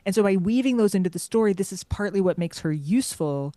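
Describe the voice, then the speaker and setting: A woman's voice: mid-range voice, animated, quick pace, dark tone, dry recording, studio quality. A middle-aged American woman author answering interview questions in a rambling way, often restarting her sentences. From United States. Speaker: author guest.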